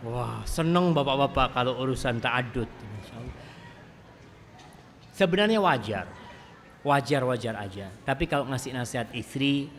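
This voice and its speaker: A male Islamic preacher answering congregation questions in a lively, joking sermon style, often rising high when teasing the audience. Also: slight background noise. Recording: reverberant hall with faint ambience.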